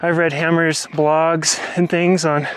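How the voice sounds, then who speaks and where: A man's voice: a little high, little pitch movement, takes it slowly, clear, resonant tone. A man hosting a vlog, talking casually and explaining things as he goes, recorded outdoors on a trail. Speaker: vlog host.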